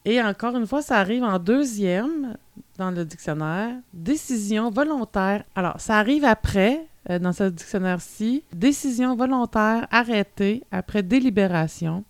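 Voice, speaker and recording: A woman's voice: medium pitch, expressive, a little slow, no room sound. A woman with a Québécois accent, co-hosting a podcast and reading dictionary definitions in a chatty way, with many fillers. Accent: Québécois French. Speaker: podcast co-host. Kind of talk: casual chat.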